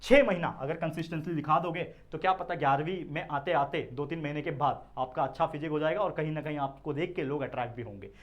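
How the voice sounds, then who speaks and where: Fast-talking young man tutor giving advice. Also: a little high, highs cut off. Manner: earnest, addresses students directly with frequent checks like "theek hai na". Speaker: online tutor. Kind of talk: direct-to-camera advice talk.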